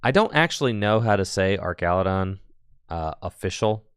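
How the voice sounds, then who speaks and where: Deep-voiced chatty male commentator. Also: lively intonation, moderate pace, clean tone, no echo, clean studio sound. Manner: chatty, thinking aloud, self-correcting. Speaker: tournament commentator. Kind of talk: casual play-by-play commentary.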